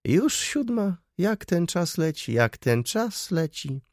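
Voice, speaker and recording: A man's voice: high-pitched, big pitch swings, no echo, studio quality, voice pushed up, full character voice. A man doing grumbling old councillor Węgrowicz. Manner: muttering, slow and dismissive. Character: gray-haired elderly male councillor, grumbling beer drinker.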